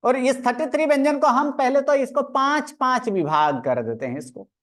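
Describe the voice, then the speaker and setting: A woman's voice: high-pitched, animated, normal speed. A woman teaching a grammar lecture, methodically counting aloud and drilling each sound one by one. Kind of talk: online lecture.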